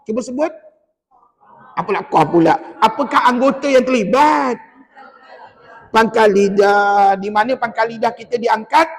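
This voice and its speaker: A man's voice: high-pitched, a little slow, pauses often. A man with a Malaysian Malay accent teaching Quran recitation, quizzing his class and modelling each sound for them to repeat. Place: mosque hall. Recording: long mosque reverb.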